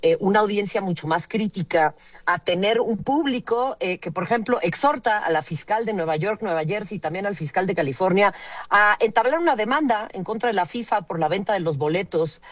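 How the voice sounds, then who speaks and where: A woman's voice: mid-range voice, no room sound. A woman with a Mexican accent, a panelist building a reflective argument in long sentences. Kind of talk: opinion panel discussion.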